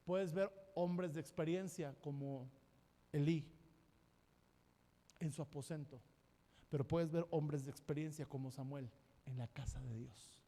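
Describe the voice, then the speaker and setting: Impassioned high-voiced pastor preaching. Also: male voice, a little slow, pauses often. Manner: impassioned, emphatic preaching, at times shouting. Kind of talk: sermon. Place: church sanctuary. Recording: long church hall reverb.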